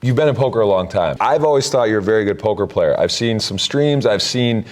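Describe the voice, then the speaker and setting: A man with a fairly low voice hosts a podcast, easing into questions in a relaxed, conversational way. His questions ramble a little and are full of fillers. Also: brisk. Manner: loose, chatty questions with many fillers. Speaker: podcast host. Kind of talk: casual interview chat.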